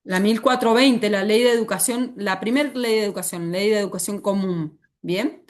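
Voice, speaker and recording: A woman's voice: medium pitch, moderate pace. Argentine woman lecturing a class. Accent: Argentine Spanish. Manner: asks the class frequent questions. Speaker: teacher.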